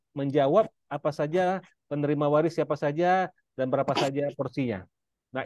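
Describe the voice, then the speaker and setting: Man from Indonesia, casual promotional talk, fairly high voice, dry close sound, addresses listeners directly, frequent fillers. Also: a little mellow, dry recording. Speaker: presenter promoting inheritance-law training.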